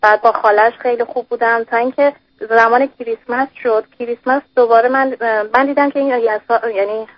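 A woman's voice: fairly high pitch, steady tone, no room sound. A woman calling in to an advice radio show by phone, telling her story in a rambling, hesitant way and dropping in English words. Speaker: caller. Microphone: telephone. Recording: muffled phone line on radio.

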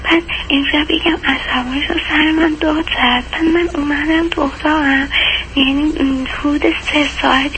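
Hoarse young woman on a noisy phone. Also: sits high, fairly even intonation. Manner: hesitant, soft-spoken, many pauses. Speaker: caller. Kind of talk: radio call-in conversation.

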